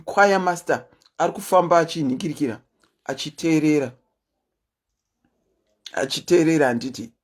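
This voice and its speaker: Her voice is deep and carries a Zimbabwean accent as she hosts a casual livestream, animatedly chatting and sharing stories.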